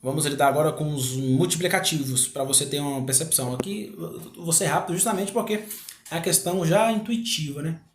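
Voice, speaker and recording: A man teaching a grammar lesson, explaining slowly, repeating words and asking rhetorical questions. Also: fairly high pitch, slight background noise. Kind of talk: grammar lecture. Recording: echoey room.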